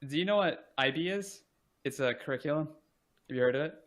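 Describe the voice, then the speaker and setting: A young man's slightly high voice moves a little fast as he chats on a podcast as a guest. His manner is relaxed and wandering, heavy on "like" and quick to make fun of himself.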